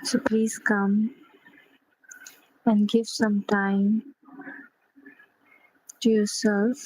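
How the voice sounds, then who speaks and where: A woman guides a sleep meditation gently and without hurry, leaving pauses between short phrases. Her medium-pitched voice is delivered flatly, and the audio quality is poor.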